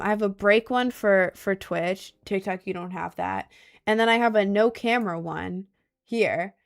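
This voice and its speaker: A young woman from the United States chatting casually on a livestream at her home desk, rambling with lots of ums and likes. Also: mid-range voice. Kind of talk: casual stream chat.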